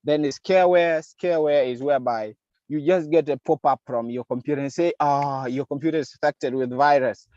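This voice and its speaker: A man's voice: fairly high pitch, brisk, darkish tone, no echo, highs cut off. Man teaching a video-call class on digital security. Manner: explanatory, acts out scammer lines, frequent fillers. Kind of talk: online masterclass lecture.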